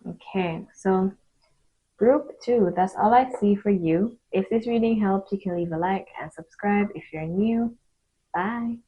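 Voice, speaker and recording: A woman giving an improvised mystical tarot reading straight to the viewer, speaking in short, halting phrases with pauses between them. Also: mid-range voice, husky, phone-quality sound. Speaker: tarot card reader hosting readings.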